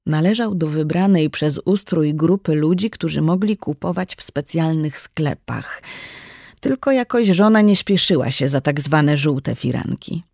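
Measured storyteller, fry in the voice, reading a novel. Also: mid-range voice, animated, darkish tone, no echo, clean studio sound. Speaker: narrator. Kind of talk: scripted audiobook narration.

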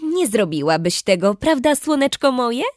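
A woman's voice: a little high, big pitch swings, moderate pace, pitched above the performer's own voice. A woman doing a patient, doting mum. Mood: soothing. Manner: soothing, patient, gently lecturing. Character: calm, doting mother of a teen girl and a baby.

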